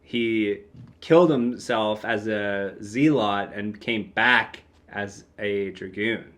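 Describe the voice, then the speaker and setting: A man's voice: fairly low pitch, slow, a bit bright. A man co-hosting a casual podcast, laid-back and chuckling as he talks. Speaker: podcast co-host. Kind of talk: casual chat.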